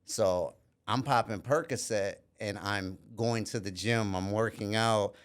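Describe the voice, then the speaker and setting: A man from Minneapolis, USA, appears as a podcast guest in a casual interview, telling his life story candidly and reflectively. He often adds "you know," pausing and restarting mid-thought, and his voice is lowish, clear and resonant.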